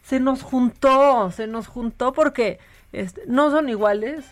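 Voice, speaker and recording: A woman's voice: high voice, takes it slowly, soft background music. A Mexican woman co-hosting a casual news chat, talking in a wry, chatty way. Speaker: co-host.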